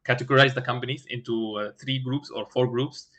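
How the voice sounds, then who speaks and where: Halting man thinking aloud through a design. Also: mid-range voice, steady tone, a bit bright, dull audio. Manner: halting, searching for words with many filled pauses and repeated starts. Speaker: engineering candidate in a mock system design interview.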